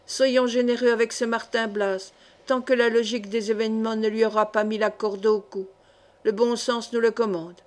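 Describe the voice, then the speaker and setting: Sly scheming seneschal guy, read by a woman, a bit higher voice, slow and calculating. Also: steady tone, lightly acted. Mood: persuasive. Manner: sly, sneering. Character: scheming, cunning middle-aged male seneschal. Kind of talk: audiobook character reading.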